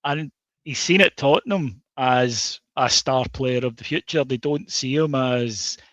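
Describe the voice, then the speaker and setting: On a football podcast, a Scottish co-host speaks a little slowly in a mid-range, slightly bright voice, chatting casually with many fillers and restarts that make him sound hesitant. The sound is dull, dry, and lo-fi, with no room sound.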